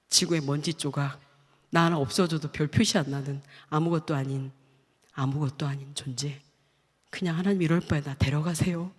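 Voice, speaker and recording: A middle-aged woman shares her testimony before a church gathering. She talks earnestly, stacking short phrases one after another and sometimes sinking almost to a whisper. Her voice carries a long reverb from the church hall. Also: deep voice. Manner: earnest, stacks short listed phrases, drops to hushed tones. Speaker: guest speaker giving a testimony.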